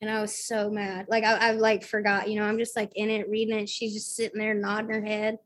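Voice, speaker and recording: A woman's voice: medium pitch, completely flat delivery, fairly quick. A woman from the American South telling her own story at a recovery meeting, chatty and self-deprecating, full of fillers and little acted-out quotes. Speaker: speaker sharing at a recovery meeting. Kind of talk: casual personal testimony.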